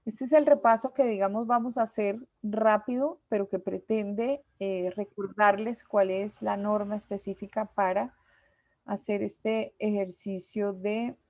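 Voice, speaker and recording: A woman teacher, giving a class lecture patiently and slowly, with many pauses and fillers. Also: mid-range voice, fairly even intonation, darkish tone, dry recording.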